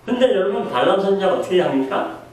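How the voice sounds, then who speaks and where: Preacher in an echoey hall. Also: male voice, sits high, expressive, quick pace, darkish tone, slight background noise. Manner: asks the congregation questions and acts out quoted voices. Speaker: pastor. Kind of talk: sermon. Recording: echoey room heard from a distance.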